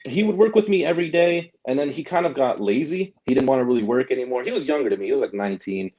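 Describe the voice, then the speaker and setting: A young German man, a delivery driver and vlogger, chats casually as an interview guest, rambling with many restarts and tags like "right?". His medium-pitched voice is expressive, fast and mellow, though the audio sounds dull.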